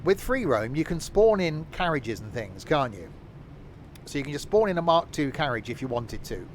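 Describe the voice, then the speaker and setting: A man's voice: fairly high pitch, big pitch swings, normal speed, slight background noise. Chatty sarcastic man streaming a train game. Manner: chatty, self-mocking sarcastic asides. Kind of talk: live game stream commentary.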